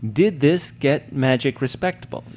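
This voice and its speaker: A man hosting a podcast, steering a casual chat about a TV series and chiming in with quick agreements. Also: medium pitch, lively intonation, darkish tone, a little hiss or hum. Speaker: podcast host.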